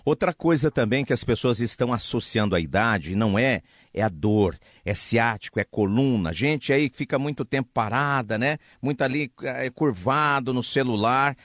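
A Brazilian man hosts a radio sales segment with very animated intonation. His mid-pitched voice is recorded dry and close. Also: normal speed, hardly any pauses, no echo. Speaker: radio infomercial host. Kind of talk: conversational radio sales talk.

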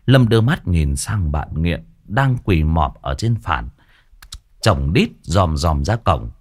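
A man narrating a ghost story with dramatic, animated delivery. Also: sits low, slow.

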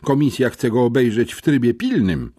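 A man's voice: medium pitch, normal speed, gravelly, dark tone, pitched above the performer's own voice. A man voicing a flustered middle-aged teacher in an audiobook, agitated and raising his voice. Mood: urgent. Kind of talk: audiobook character voice.

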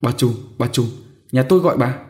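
A man's voice: medium pitch, lively intonation, normal speed, warm tone, pitched above the performer's own voice, natural voice. A man voicing a nervous young peasant husband waiting on his wife's birth. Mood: anxious.

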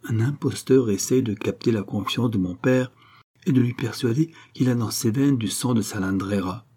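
A man's voice: mid-range voice, normal speed, dark tone, breathy edge, lightly acted. A man voicing a proud, passionate young Spanish noblewoman who speaks urgently and imploringly. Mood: pleading.

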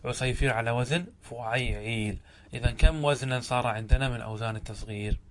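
Deliberate male Arabic grammar teacher. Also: medium pitch, steady tone, a bit bright, slight background noise. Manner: slow and deliberate, repeats and stretches out example words, asks the class questions. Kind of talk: classroom lesson explaining a text.

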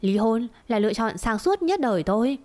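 A woman's voice: a little high, big pitch swings, brisk, a little mellow. Woman doing a weary firm wronged wife. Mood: cold firm. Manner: cold, firm.

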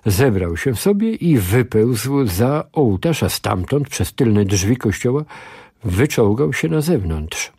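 A man reading a novel aloud on the radio, with lively, expressive storytelling. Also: mid-range voice, slow, breathy edge, no room sound, studio quality. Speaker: radio reader. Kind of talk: dramatic audiobook reading on radio.

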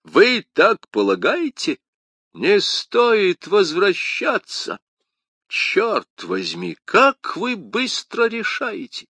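A man reading an audiobook, voicing a boastful, hearty male musketeer who talks loudly and with indignant exclamations. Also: high voice, very animated, drawn-out words, creaky, breathy edge, dry recording, studio quality, pitched above the performer's own voice, exaggerated voice.

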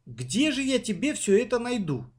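Man playing a timid little girl, tearful, pleading, high and lifted, storybook voice. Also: big pitch swings, moderate pace. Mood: anxious. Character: frightened gentle young girl.

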